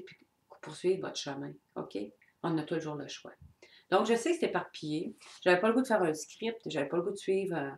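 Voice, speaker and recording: A middle-aged woman with a Québécois accent giving an unscripted, blunt and earnest talk on personal growth to her viewers. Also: lowish voice. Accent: Québécois French. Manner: blunt and earnest, with swearing and mimicked voices. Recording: echoey room.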